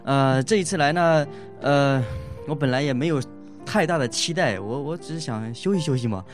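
A man at a middle pitch tells his own marriage story in a loose, halting way, full of fillers and restarts. He laughs often along the way. Faint music plays softly behind him. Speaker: husband giving a couple's testimony. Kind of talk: casual spoken testimony.

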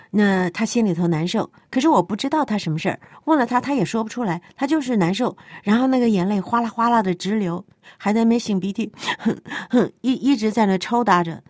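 A middle-aged woman delivers a sermon in a voice of ordinary pitch, recorded close and dry. She moves easily from teaching into storytelling and often turns to ask her listeners questions. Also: dry recording. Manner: lively storytelling that acts out dialogue. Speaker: preacher. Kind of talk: sermon on parenting.

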